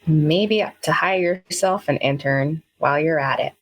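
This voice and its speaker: A woman voicing a pushy, flirtatious woman reporter who talks smoothly and forwardly, in a tabletop role-play. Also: low-pitched, measured pace. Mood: scheming.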